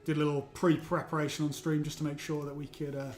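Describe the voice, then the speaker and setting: A man explains software in a casual livestream demo. He talks in a relaxed, easygoing way. His voice sits a little higher than most men's. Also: quick pace, soft background music. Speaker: guest presenting software.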